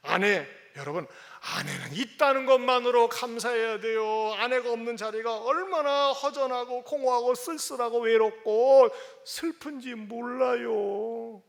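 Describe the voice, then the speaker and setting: A man's voice: extremely high pitch, measured pace, few pauses. A male pastor preaching a Sunday sermon, addressing the congregation directly and reading a story aloud. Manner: animated, teasing the congregation, reads a story aloud.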